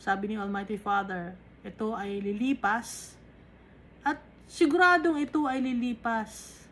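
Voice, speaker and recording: A woman's voice: fairly high pitch, unhurried, a bit bright, slight background noise, rough recording. A woman teaching a Bible study sermon, reading verses in English and explaining them in mixed Tagalog and English, emphatic and rising sharply on key contrasts.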